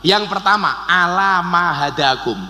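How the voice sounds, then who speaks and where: A man with a Javanese accent preaching a lively, joking sermon, swinging between soft and loud. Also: high voice, a little slow. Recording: echoey hall.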